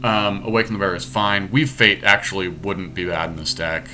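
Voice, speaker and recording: A podcast host drafting cards speaks in a low, steady, sharp-toned voice at a moderate pace, casually reasoning through his selections. Faint noise marks the amateur screen-capture recording.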